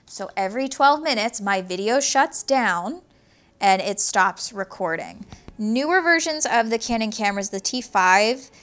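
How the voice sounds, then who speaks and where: In a small home studio with shelves, indoors and not soundproofed, a young woman in her twenties walks viewers through her gear one step at a time. Her voice is high, a bit nasal, fairly bright and expressive, and she speaks a little slowly while chatting and gesturing with her hands. This YouTube creator's casual explanatory talk to camera is picked up by a small lapel mic on her hoodie.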